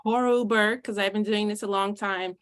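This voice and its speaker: A middle-aged woman, a doula hosting a podcast, chatting casually and telling animated stories with frequent laughs. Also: mid-range voice, normal speed. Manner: animated storyteller, laughs often.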